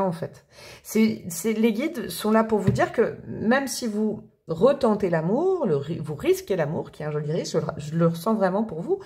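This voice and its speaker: A woman's voice: medium pitch, a little mellow. A woman giving a casual spoken tarot reading, chatty and thinking aloud with many fillers and restarts. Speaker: tarot reader.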